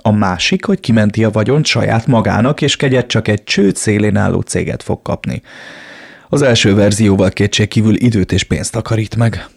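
A man reading an audiobook plays a composed lawyer who explains things in a measured, formal way. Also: lowish voice, gravelly, husky. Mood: matter-of-fact. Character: composed middle-aged male lawyer, matter-of-fact.

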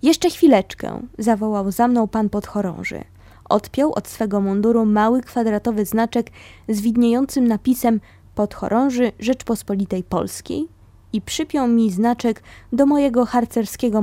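A woman reading a memoir aloud, telling it in a calm, steady way. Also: fairly high pitch, dry recording. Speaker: reader of a memoir.

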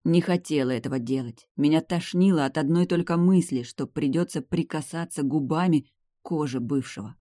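A reader giving measured, scripted first-person narration of an audiobook. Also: mid-range voice, mellow, no room sound, studio quality.

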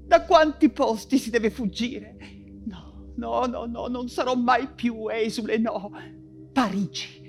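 In a wartime stage monologue, an actress plays an anguished writer and mother fleeing persecution, her delivery theatrical and halting with anxious repetitions. Her fairly high voice sounds desperate yet defiant, with faint music behind.

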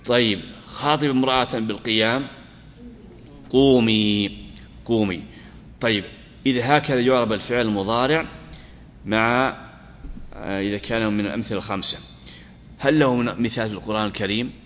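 A man's voice: mid-range voice, fast talker, a little hiss or hum. Man teaching grammar in a reverberant hall. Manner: quizzes students, repeats key words, stresses examples loudly. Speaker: sheikh teaching Arabic grammar. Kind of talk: classroom grammar lesson. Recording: long reverb of a lecture hall.

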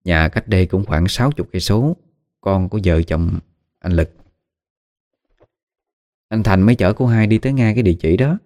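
Low-voiced Southern Vietnamese storyteller. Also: male voice, lively intonation, moderate pace, long pauses, mellow, no echo, studio quality. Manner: conversational, dramatic asides. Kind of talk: ghost story narration. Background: faint music.

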